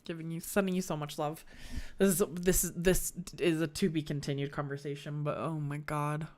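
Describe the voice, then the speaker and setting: A woman's voice: low-pitched, flat delivery, moderate pace, a little mellow. A woman live-streaming a farming game, chatting casually with viewers and reading their messages aloud, sympathetic and swearing freely. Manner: talks to chat directly, reads messages aloud.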